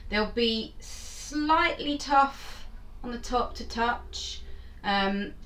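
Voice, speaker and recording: A woman's voice: mid-range voice, fairly bright tone, a little hiss or hum. A woman hosting a casual home cooking demonstration, chatty and hesitant with lots of filler words. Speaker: cooking channel host. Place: home kitchen. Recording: echoey kitchen, mic far off.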